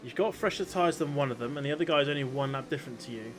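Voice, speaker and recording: A man's voice: medium pitch, racing, a little hiss or hum. A man working as a motorsport commentator, giving conversational analysis of the race. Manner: motorsport commentator explaining incidents and strategy.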